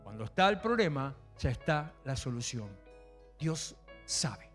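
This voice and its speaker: A middle-aged man with a Rioplatense Spanish accent preaching a lively sermon, swinging between loud exclamations and quiet asides. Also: mid-range voice, a little slow, soft background music. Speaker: pastor.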